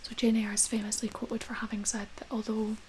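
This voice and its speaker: A woman performs a whispered role-play as a librarian in a soft, breathy voice. Her pitch sits on the higher side and stays very even as she gently talks through books. A faint hiss sits behind her. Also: a little fast. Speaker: ASMR creator playing a librarian recommending books.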